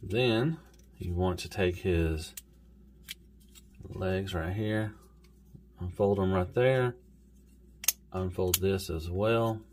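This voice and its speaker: A man with a Southern US accent talks through a toy review in a relaxed, rambling way. His voice sits a little low, and he drops in a folksy "y'all" and "golly" now and then. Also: very slow, long pauses, slight background noise.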